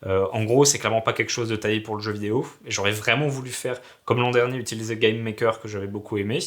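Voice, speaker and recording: This hobby game developer from Alsace, France, speaks fast in a fairly low, slightly bright voice with fairly even intonation. He has a sore throat and keeps coughing while chatting casually in a slangy, self-mocking, rambling vlog about making his game.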